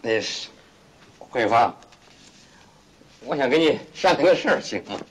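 A man's voice: mid-range voice, expressive, unhurried, breathy edge. An actor playing a good-natured husband who rambles, hesitates and fills his talk with fillers. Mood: hesitant asking. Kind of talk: 1990s TV drama acting.

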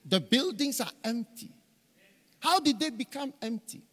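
With an extremely high voice and a measured pace, a middle-aged man gives a conference sermon from a big church stage. He speaks into a handheld mic, telling animated stories with many repeated phrases, and the hall reverberates.

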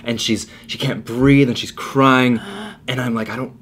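A man's voice: mid-range voice, fairly even intonation, a little slow, a bit bright, slight background noise. A young man co-hosting a casual podcast, telling a long story loosely with many fillers. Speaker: podcast co-host. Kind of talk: casual chat.

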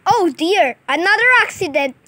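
A woman's voice: very high voice, expressive, moderate pace, bright, forceful tone. A woman narrating a toy play story, voicing the characters herself with playful, sing-song sound effects.

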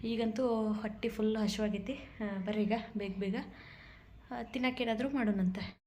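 A woman's voice: mid-range voice, fairly even intonation, normal speed, dark tone. A young woman, chatting casually to viewers in a home vlog and showing them her housework. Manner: chatty, keeps saying "look" to viewers. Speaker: vlogger and mother.

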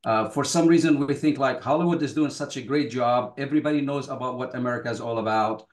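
Earnest older man from Lebanon, halting. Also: mid-range voice, echoey room. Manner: earnest, halting, many restarts. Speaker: guest author. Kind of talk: casual panel talk on a video call. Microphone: video call.

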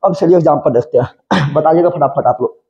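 A man's voice: on the high side, fairly quick, gravelly, warm tone. A man teaching a chemistry exam-prep lesson, drilling terms through playful repeated questions and answers. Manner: repetitive call-and-response drilling, playful. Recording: dull lo-fi recording.

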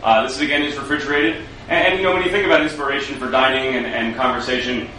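A man in his thirties, a restaurant chef, giving a walkthrough interview with frequent uh pauses. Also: medium pitch, fairly even intonation, bright, forceful tone. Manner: hesitant, many filler uhs. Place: restaurant wine cellar and dining rooms, indoors. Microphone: camera mic, handheld camera close by. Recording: echoey room, noisy background hum.

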